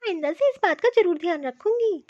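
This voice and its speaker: A woman plays an imperious cartoon mother-in-law with a high, lo-fi voice. She gives orders and lays down the rules of the house. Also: expressive, fairly quick, a little mellow. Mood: apologetic. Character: bossy older mother-in-law, later contrite.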